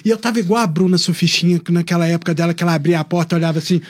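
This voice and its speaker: A man, a doctor telling stories in casual podcast chat, animated and always tossing in "velho". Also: a little high, racing. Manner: animated storyteller, keeps saying "velho".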